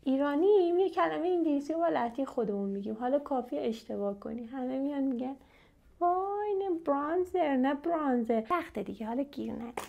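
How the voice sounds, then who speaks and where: A woman's voice: high voice, creaky, dull audio. A young woman from Iran chatting casually to viewers while testing makeup. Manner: chatty, animated, addresses viewers directly. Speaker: beauty vlogger. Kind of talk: casual makeup unboxing chat. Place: at home, seated in front of camera.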